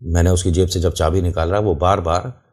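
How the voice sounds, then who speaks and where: A man's voice: low-pitched, steady tone, fairly quick, a little mellow. A man telling a true-style horror story in casual first person. He talks to the listener directly and explains the scene as he goes.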